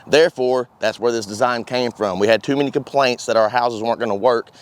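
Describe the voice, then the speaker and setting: A man's voice: medium pitch, steady tone, fairly quick. A man in his thirties presenting products to camera outdoors, explaining in a folksy, plain-spoken way. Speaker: company presenter for greenhouse kits. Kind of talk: informal product walkthrough to camera. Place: outdoors at a greenhouse demo yard.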